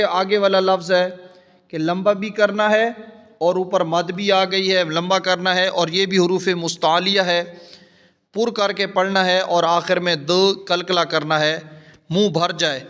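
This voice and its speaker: A man teaching Quran recitation step by step, patiently explaining each letter and then sounding it out slowly. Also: high-pitched, a bit bright. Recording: long echoing reverb.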